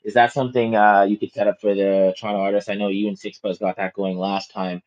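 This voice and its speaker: A man with a low voice asks long, careful questions in an online voice room, hedging as he goes. The sound is dull and lo-fi. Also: level tone, a little mellow. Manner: measured, hedging questions with "kinda" and "maybe". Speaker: chat room moderator asking questions. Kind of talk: casual audio chat room questioning. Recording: dull lo-fi audio.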